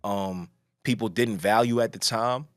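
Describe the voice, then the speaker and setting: A man's voice: fairly low pitch, unhurried, a bit bright, no room sound, studio quality. Man hosting a casual slangy podcast. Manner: loose, slangy, quotes people in asides. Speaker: podcast host. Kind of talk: casual chat.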